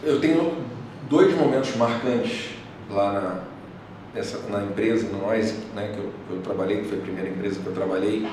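A man's voice: on the low side, normal speed. A man chatting casually as an interview guest, telling stories with hesitant restarts. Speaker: guest, engineer. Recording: roomy echo, distant from mic, faint noise.

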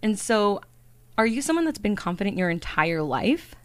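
A woman's voice: medium pitch, big pitch swings, normal speed, clear, resonant tone. A woman hosting a podcast, upbeat and chatty, who laughs easily as she interviews a guest. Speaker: podcast host.

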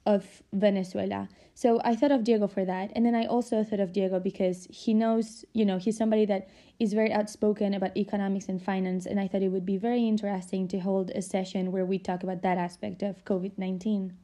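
Young woman hosting a podcast, medium pitch, lots of ums, friendly. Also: little pitch movement, fast, dark tone. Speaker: podcast host. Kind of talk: podcast introduction and interview.

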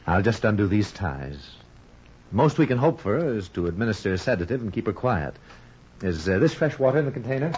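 An actor playing an earnest middle-aged doctor who speaks gently and soothingly, in 1940s radio acting on a muffled old transcription. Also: male voice, lowish voice, sing-song, brisk, a little hiss or hum. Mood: concerned.

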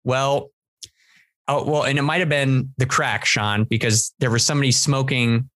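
A man's voice: medium pitch, fairly even intonation, normal speed, background noise. Rambling man telling a hiking story. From San Diego. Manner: rambling storyteller, many restarts. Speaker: podcast co-host. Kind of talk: casual chat.

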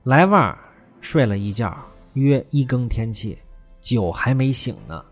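A man's voice: medium pitch, animated, unhurried, soft background music. A man narrating a classic tale as a storyteller, with wry commentary between scenes.

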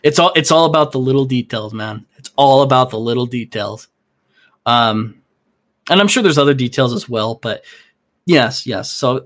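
A man co-hosting a gaming podcast, theorizing in a loose, rambling way with lots of fillers. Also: medium pitch. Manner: rambling, many fillers and restarts. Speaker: podcast co-host. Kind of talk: casual chat.

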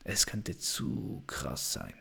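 A man voicing a cautious, fearful inner voice that warns against taking risks, in hushed and anxious tones. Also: a bass voice, big pitch swings, takes it slowly, creaky, slightly rough, pitched below the performer's own voice, exaggerated voice. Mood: warning. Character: cautious fearful inner voice, male, warning of risk.

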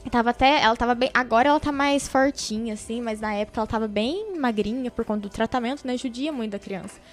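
A young adult woman, a podcast guest, telling a personal story in an animated, emotional way. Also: on the high side, quick pace, faint music behind. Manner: animated, emotional storyteller who acts out quoted voices.

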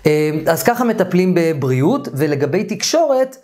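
A man teaching a therapy course in an informal, animated lecture. He often trails off and restarts his sentences, and at times raises his voice to act out sessions with clients. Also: high voice.

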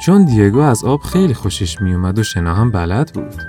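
Calm guy reading a kids story, lowish mellow voice, soft music behind. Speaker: narrator. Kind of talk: storybook narration.

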